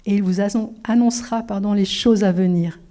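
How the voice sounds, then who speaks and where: A middle-aged woman preaching a sermon and telling a personal testimony, animated, now hushed, now exclaiming. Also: medium pitch, fairly quick. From Switzerland. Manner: animated storytelling, drops to whispers and rises to exclamations. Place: church.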